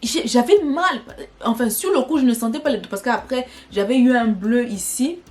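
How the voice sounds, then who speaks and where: A young woman telling a personal story in an animated, dramatic way for her vlog. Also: on the high side, moderate pace. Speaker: vlogger.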